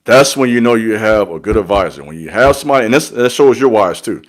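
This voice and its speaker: A man's voice: lowish voice, lively intonation, fast talker. A young man giving an earnest, repetitive motivational talk on spiritual growth, speaking like a preacher to his followers. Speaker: online spiritual mentor.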